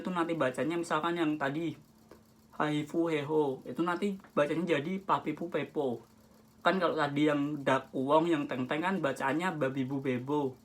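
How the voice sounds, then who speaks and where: A man with a slightly high voice talks through Japanese script in a loose, home-made lesson. He often backtracks and repeats himself to find the right word. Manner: informal, rambling, with frequent restarts and self-corrections. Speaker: Japanese language tutor.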